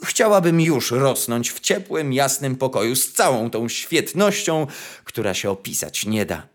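Storybook role: restless young she-fir tree played by a male reader, lifted high and wistful, voice swinging widely. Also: big pitch swings, a little slow. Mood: longing. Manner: wistful, longing exclamations. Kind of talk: fairy tale reading.

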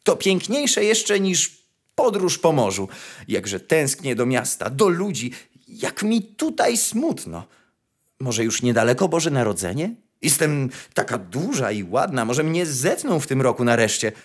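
A man's voice: medium pitch, big pitch swings, a little slow, breathy edge. A man reading a fairy tale, voicing a young female fir tree with wistful, longing exclamations.

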